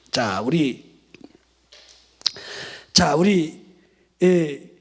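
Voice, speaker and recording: Husky, high-voiced male pastor preaching. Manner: animated, exhorting with rhetorical questions; leads congregation in call-and-response shouts. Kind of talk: sermon. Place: church, night worship service.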